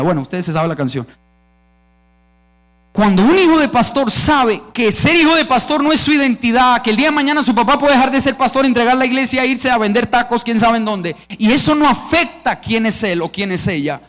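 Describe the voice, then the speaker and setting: A man with a Colombian Spanish accent preaching a conference sermon, emphatic and calling on the audience to answer back. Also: high voice. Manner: emphatic, calls for audience responses. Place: church conference stage.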